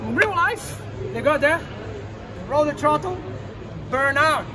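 A man in his thirties, hosting his channel in an indoor expo hall, talking excitedly in loose, rapid phrases. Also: very high voice. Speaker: channel host. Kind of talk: casual expo walkthrough. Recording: crowd noise behind.

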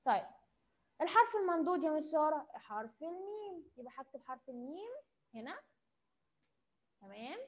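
Brief: young Egyptian woman, high voice, kindergarten teacher on a video call, slow coaxing questions, quick cheerful praise. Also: sing-song. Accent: Egyptian Arabic. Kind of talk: online class for young children. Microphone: computer mic on a video call.

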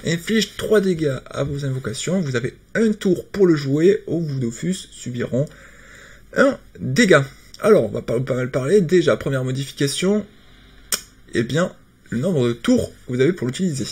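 A man with a slightly husky voice comments on a card game update in a relaxed, casual way. He hesitates a lot and often breaks off and restarts his sentences. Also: a little high, normal speed. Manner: hesitant, many fillers and restarts. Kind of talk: casual patch-notes commentary.

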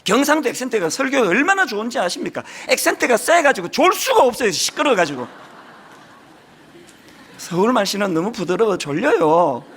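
A man's voice: high voice, sing-song, fairly quick, a bit bright, slightly rough. A middle-aged male pastor with a strong Gyeongsang Korean accent, preaching a sermon in an earnest, emphatic way. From Gyeongsang region, South Korea.

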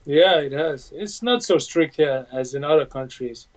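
A man in his thirties from Bosnia, a native Bosnian speaker, answering interview questions in English over a video call from a room at home, with many fillers and restarts. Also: on the high side. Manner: plain halting speech with many fillers. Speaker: UFC fighter guest. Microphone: video call webcam. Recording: dull lo-fi video call audio.

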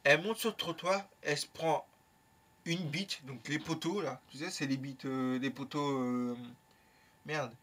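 A young man telling a casual story in a lively, slangy way, with plenty of swearing. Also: fairly high pitch, measured pace. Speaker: YouTuber.

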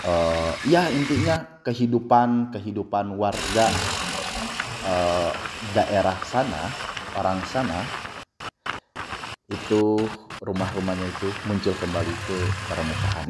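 Young man, deep low voice, casual motorbike travel vlog, chatty and repetitive, loud engine roar behind. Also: slow, long pauses. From West Java, Indonesia. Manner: chatty, repeats phrases, often addresses viewers as friends. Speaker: motovlogger. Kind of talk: casual travel vlog narration while riding. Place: outdoors on a motorbike on a busy road. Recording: loud engine and road noise.

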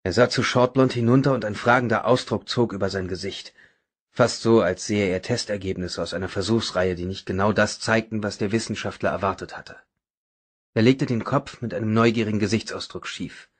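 A man reading a novel aloud as audiobook narrator, in a dramatic, even manner. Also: fairly low pitch, brisk, husky. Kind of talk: scripted narration.

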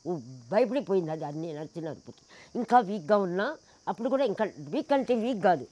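In an interview, a woman with a medium-pitched, mellow, animated voice tells a personal story a little fast and with emphasis. She acts out the people involved and fires off indignant rhetorical questions, with no echo on the recording.

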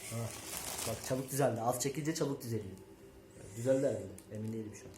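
A man's voice: mid-range voice, fast talker, noisy background. A young man hosting a home video, chatting casually and prompting the others to speak. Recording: echoey room, loud music behind.

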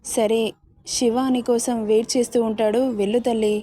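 A woman voicing a gentle, affectionate middle-aged aunt, in a romance story reading. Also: on the high side, level tone, moderate pace, lightly acted. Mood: tender. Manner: gentle, tender.

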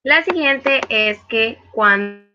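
A woman's voice: a little high, lively intonation, slow, bright, forceful tone, highs cut off, slight background noise. A woman, a virtual tutor giving a live online class, explaining patiently with frequent hesitations. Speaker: virtual tutor teaching English.

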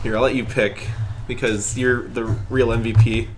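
A man's voice: medium pitch, flat delivery, normal speed, music in the background. A man co-hosting a casual challenge video, teasing his partner and laughing often. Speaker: co-host. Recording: clear background noise.

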